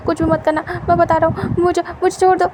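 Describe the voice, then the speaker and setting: A woman's voice: very high voice, flat delivery, fast, background noise. A woman voicing a frightened young man who begs and pleads with his captor. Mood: pleading, panicked. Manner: panicked, begging, breaking into cries.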